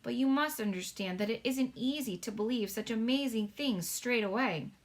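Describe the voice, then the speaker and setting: A woman voicing a curious, polite young girl in a storybook, questioning and gently insistent. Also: a little high, normal speed, lightly acted. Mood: apologetic. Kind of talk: storybook read-aloud character voice.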